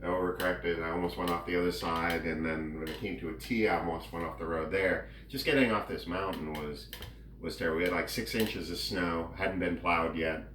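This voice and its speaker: A man giving a casual personal update in a halting, rambling way with drawn-out pauses. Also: sits low, fairly even intonation, fairly bright tone. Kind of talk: casual chat. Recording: roomy, distant mic, faint background noise.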